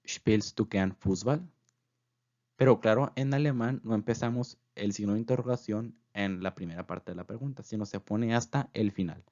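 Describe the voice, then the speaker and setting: Low-voiced man teaching German slowly. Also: fairly even intonation, a little mellow, highs cut off. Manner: slow, careful repetition of example phrases; filler "pues" between phrases. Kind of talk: voice-over language lesson.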